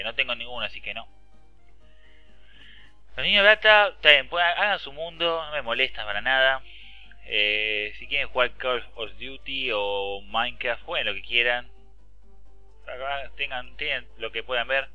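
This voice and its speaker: A man's voice: mid-range voice, pushed and bright, no echo. A man with an Argentine accent giving casual game commentary, reading game text aloud, ranting and swearing freely. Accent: Argentine Spanish. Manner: chatty, swears often, reads game text aloud, rants. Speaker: gameplay commentator. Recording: dull lo-fi dry sound.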